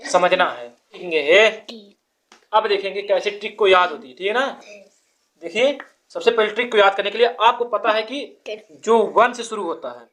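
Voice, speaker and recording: A woman's voice: medium pitch, moderate pace, fairly bright tone. A woman teaching a child to count, patiently asking quiz questions and counting numbers aloud step by step.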